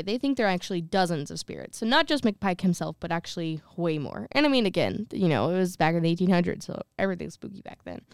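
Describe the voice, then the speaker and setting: A woman's voice: on the low side, clean tone, no room sound, clean studio sound. A young woman co-hosting a podcast, reading a ghost story in casual chat with jokey, slangy asides. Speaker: podcast co-host.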